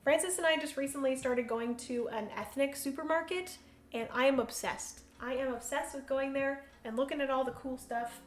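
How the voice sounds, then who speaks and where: Speaking at a normal speed in a high-sitting voice, this woman runs a board game livestream on her own. She's chatty, reasons out loud and laughs a lot, with roomy echo and a faint hum in the background.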